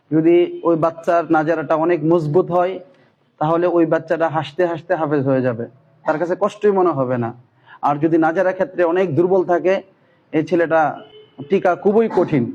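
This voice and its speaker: Male Quran teacher, high voice, slightly dull lo-fi sound, steady explainer. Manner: chants Arabic syllables slowly and loudly when demonstrating. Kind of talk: instructional talk on Quran reading.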